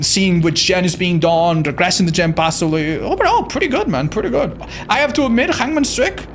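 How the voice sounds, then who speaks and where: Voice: medium pitch, a little hiss or hum. A game streamer giving casual live commentary in an informal, sweary way, talking straight to viewers. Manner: informal, sweary, addresses viewers as man and dude.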